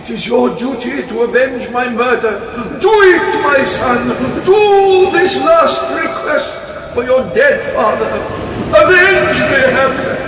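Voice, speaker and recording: An actor playing the ghost of a murdered king who calls out to his son for revenge, with slow, drawn-out wailing calls. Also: very high-pitched, noisy background. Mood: commanding. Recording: roomy echo from far off.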